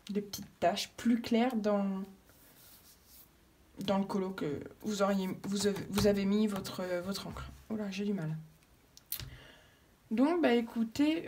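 A woman's voice: mid-range voice, a little mellow, a little hiss or hum. A woman explaining a craft technique at home as she works, hesitating often with fillers and restarts. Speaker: craft tutorial vlogger. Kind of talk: casual demonstration while working. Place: at home, daughter nearby.

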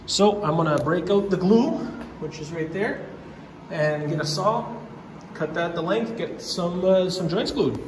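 A DIY home renovator films his own basement repairs on a phone while walking, narrating in a rambling, matter-of-fact way packed with fillers. His voice sits high and he speaks a little slowly; the concrete basement echoes and has background noise.

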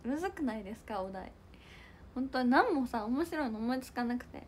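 A young woman chats with her viewers on a livestream, reacting to their comments with giggles. Her voice sits high and lively. A faint noise hums under the home mic. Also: fairly quick. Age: young adult. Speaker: idol livestream host. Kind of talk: casual livestream chat reading comments.

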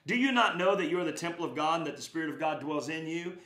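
A man's voice: fairly high pitch, fast, sharp tone, reverberant. A man preaching a sermon, reading scripture aloud and then exhorting his congregation with growing fervor. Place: church sanctuary.

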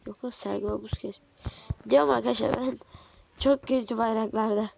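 Excitable young woman with a stuffy nose. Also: a little high, moderate pace, gravelly, lo-fi sound, a little hiss or hum. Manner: excitable, swings from muttering to squealing. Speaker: gaming YouTuber. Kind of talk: casual pack-opening commentary.

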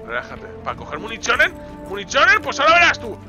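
A man commentating his own gameplay, shouting and repeating words in bursts. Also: extremely high pitch, huge pitch swings, quick pace. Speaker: gaming YouTuber. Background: game music and gunfire.

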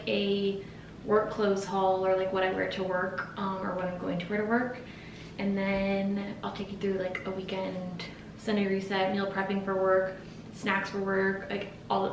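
In a mid-range voice, a young adult lifestyle vlogger chats informally in brief, thinking-aloud phrases while documenting her day at home. She's indoors in her apartment kitchen and rooms, recorded by a camera mic a few feet away that gives noisy, roomy, distant audio.

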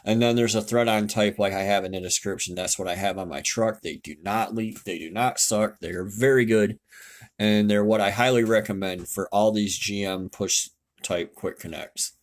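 Blunt casual man with a low voice. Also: normal speed. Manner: blunt, casual, mild swearing, self-correcting. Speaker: car tech YouTuber explaining fuel systems. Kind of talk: casual screen-share tutorial voice-over. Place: home, indoors.

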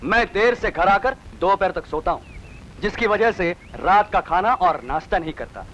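A man's voice: high voice, animated, moderate pace, fairly bright tone, dull audio, a little hiss or hum. An actor playing a cheeky, defiant unemployed young man in a dubbed film, swinging from angry speeches to teasing banter. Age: young adult. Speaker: lead in a dubbed action film. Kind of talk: Hindi film dub acting.

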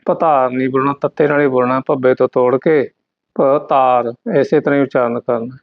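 Slow, deliberate male recitation teacher. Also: mid-range voice, flat delivery, creaky. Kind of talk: correcting scripture pronunciation. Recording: dull lo-fi audio.

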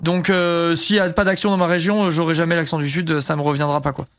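A young man from southern France streams a game, chatting casually in a slightly high, level, fairly bright voice at a quick pace. He rambles through the live-stream with lots of fillers and casual swearing.

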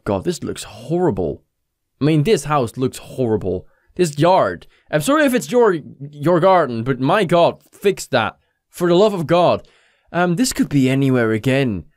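Excitable gamer, lively pitch. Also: male voice, no room sound, clean studio sound. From Netherlands. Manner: excitable, swears often, talks to himself. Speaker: gaming YouTuber. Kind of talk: let's play commentary.

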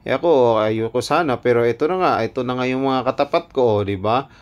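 Nagbibirong lalaking vlogger sa perya. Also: male voice, medium pitch, brisk, muffled recording. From Philippines. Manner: joking, self-mocking, laughs often. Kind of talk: casual vlog narration. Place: outdoor night market and carnival.

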